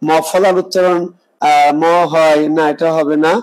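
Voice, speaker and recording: A man's voice: fairly high pitch, fairly even intonation, unhurried, a little mellow, smooth, rough recording. A man teaching an exam preparation class, explaining step by step, repeating points and quizzing his students. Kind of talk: live online class lecture.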